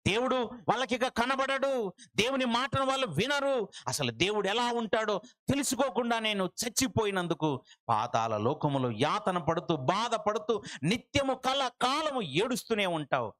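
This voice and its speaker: Impassioned high-voiced male preacher. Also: sing-song, normal speed. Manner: swings between loud high cries and low hushed warnings, repeating phrases. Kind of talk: impassioned revival sermon.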